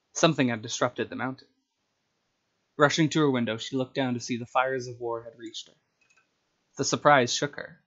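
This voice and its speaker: A streamer with a medium-pitched voice hosts a casual story-time livestream, reading his own short stories to viewers. His microphone gives a slightly dull, lo-fi sound.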